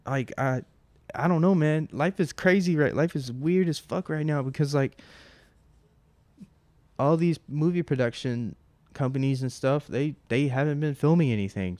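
Smooth-voiced young man rambling casually. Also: mid-range voice, a little mellow, dry recording. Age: 20s. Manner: rambling and loose, heavy on "like" and casual swearing. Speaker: podcast host. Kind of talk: casual solo podcast monologue.

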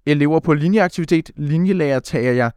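A man's voice: on the high side, a little mellow, smooth, dry recording. Young man, plain mid voice, dry sound. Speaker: podcast co-host. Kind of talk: casual chat.

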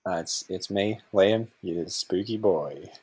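A man's voice: low voice, slow pace, a little mellow, breathy edge. A man co-hosting a podcast, tossing in dry quips. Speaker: podcast co-host. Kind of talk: casual chat.

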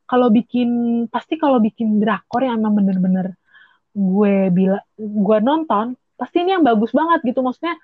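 A young woman chats casually, rambling and restarting her sentences in slang. Her voice sits a little high. It comes through a tinny, phone-like line with a dry sound. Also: normal speed, husky, dry recording. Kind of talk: casual chat.

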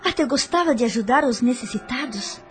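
Music plays behind a fairly high, expressive female voice, delivered fairly quickly with a light touch of acting. She is an actress in a radio soap, portraying a troubled widow who earnestly and respectfully seeks understanding.

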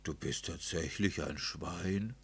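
A man voicing a kindly old lamplighter in a story, calm and soft-spoken. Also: deep voice, slow pace, vocal fry, breathy edge, exaggerated voice. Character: old, slow-footed male lamplighter, kindly.

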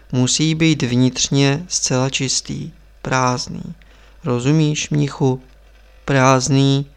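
A grave old abbot, calm and wise, teaching in slow, measured sentences, as a male reader puts him on. The voice is smooth and resonant, with a gravelly fry at the ends of phrases. This is an audiobook reading. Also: mid-range voice, close to an everyday voice. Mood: solemn.

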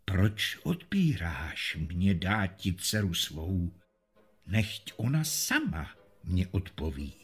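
A man's voice: sits low, big pitch swings, husky, voice pushed down, full character voice. A man doing a proud, stern medieval knight. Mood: angry. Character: proud hot-tempered male knight. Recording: faint music behind.

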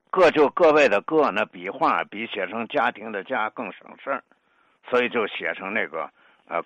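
Bright-voiced older man lecturing on dialect. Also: mid-range voice, no room sound, poor audio. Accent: Tianjin. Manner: measured, lecturing, sounds out syllables. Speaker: dialect scholar. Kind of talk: explanatory talk on pronunciation.

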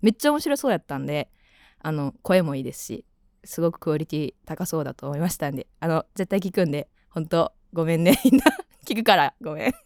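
A young woman with a Kansai accent hosting a late-night radio talk, rambling and chatty with lots of fillers. Her voice sits low but swings freely up and down. The studio sound is close and dry. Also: very animated, quick pace, darkish tone, no room sound. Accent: Kansai Japanese. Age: 20s. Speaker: radio host. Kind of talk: casual radio chat.

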